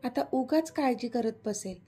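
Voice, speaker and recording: Soothing middle-aged mother, mellow and breathy , read by a woman narrator in a storybook. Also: fairly high pitch, lively intonation, moderate pace. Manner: soothing, explanatory.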